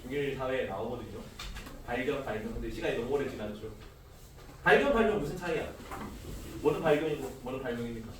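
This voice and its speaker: A man's voice: mid-range voice, expressive, fast, long pauses, fairly bright tone, a little hiss or hum. A male social studies teacher giving a casual classroom lecture, quizzing students with rhetorical questions and joking asides. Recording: very echoey room, mic far off.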